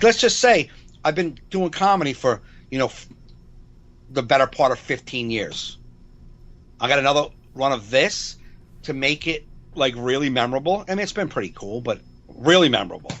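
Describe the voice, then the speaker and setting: A comedian in his forties co-hosts a podcast over a video call, his medium-pitched voice a bit bright. He rambles through casual chat, repeating himself and swearing freely.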